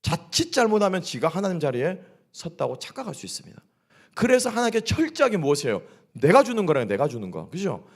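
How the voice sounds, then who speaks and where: Fast, lively pastor preaching a sermon. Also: male voice, high-pitched, vocal fry. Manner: keeps asking the congregation questions and answering them himself. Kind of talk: sermon at a midweek church service. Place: church sanctuary.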